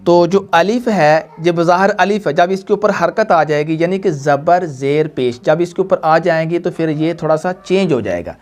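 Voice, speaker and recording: A man teaching a Quran reading class, patiently repeating points and quizzing students in call-and-response. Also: fairly high pitch. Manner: repetitive call-and-response questioning; patient, slow drilling. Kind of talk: classroom lesson to students and viewers.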